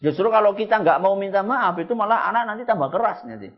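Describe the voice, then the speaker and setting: A man's voice: sits high, lively intonation, fast. A man, an Islamic preacher, giving earnest advice in a religious question-and-answer lecture and repeating his key points. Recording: dull lo-fi broadcast sound.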